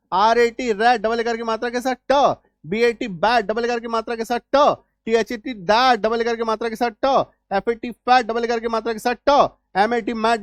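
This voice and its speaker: A man's voice: very high-pitched, no echo. A man teaching spelling in an online lesson, drilling each rule over and over and checking whether students follow. His voice is dry and close, with no room sound. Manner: drilling, repeats rules and checks in with "clear?". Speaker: English teacher.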